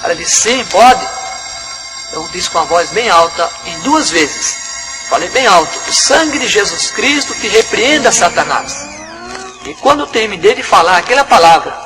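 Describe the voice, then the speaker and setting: A pastor with a Brazilian Portuguese accent tells a dramatic personal testimony in an emphatic storytelling manner. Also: male voice, high-pitched, low-quality recording. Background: music.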